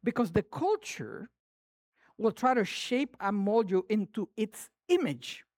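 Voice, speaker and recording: A man with a Latin American Spanish accent preaches a lively sermon at a slightly slow pace, his voice high for a male and recorded close and dry with no echo. Playful and animated, this pastor swings between loud, punchy emphasis and quiet, hushed asides.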